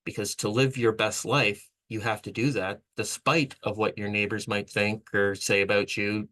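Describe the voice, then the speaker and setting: A man speaks in a fairly low voice, talking earnestly about mindset and self-improvement. His delivery rambles, with restarts and repeated phrases, in the loose way of a solo motivational vlog. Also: pushed and bright, rough recording. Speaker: vlog host. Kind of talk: motivational monologue.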